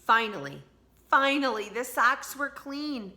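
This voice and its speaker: Her voice sits fairly high as she reads a picture book to a group of kids. She's expressive, speaks straight to them, and stretches out words for emphasis.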